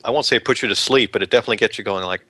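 A man's voice: on the low side, rapid-fire, sharp tone, dry recording. A man co-hosting a podcast in casual chat, rambling with restarts and fillers and laughing often. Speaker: podcast co-host.

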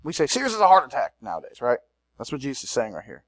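A man preaching a sermon in a church, swinging between loud emphatic lines and quiet asides. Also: mid-range voice, huge pitch swings, fast talker. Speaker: pastor.

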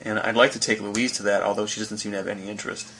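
A man's voice: lowish voice, little pitch movement, very fast, fairly bright tone, a little hiss or hum. A man co-hosting a podcast, chatting casually with enthusiasm and teasing jokes. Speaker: podcast co-host. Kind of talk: casual chat.

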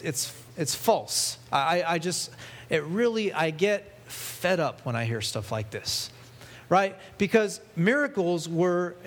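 Animated high-voiced male preacher. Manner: animated, emphatic, reads scripture aloud with rising intensity. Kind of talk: sermon.

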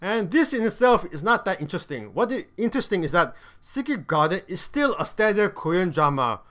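A man's voice: sits high, sing-song, brisk, a bit bright. A man giving a scripted review of a television drama, with dry, sarcastic humor.

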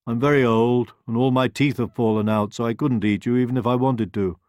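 A man reading a storybook, voicing an old toothless male wolf who speaks gently and persuasively. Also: medium pitch, fairly even intonation, brisk, dry recording, clean studio sound, pitched above the performer's own voice, natural voice. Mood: coaxing.

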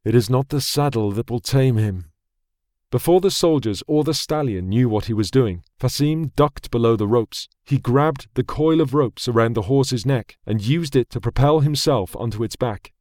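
A man narrates a fantasy novel in an even, measured storytelling voice of middling pitch. The recording is close and dry, with no room echo. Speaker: audiobook narrator. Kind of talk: scripted narration.

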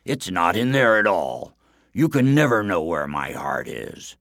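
A man playing a surly giant in a storybook tale, grumbling in a very low, gravelly voice. He talks slowly and heavily, with a dry, close sound. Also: very animated, a bit bright, no room sound, heavily acted. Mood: grumpy. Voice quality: deep, gravelly and slow.

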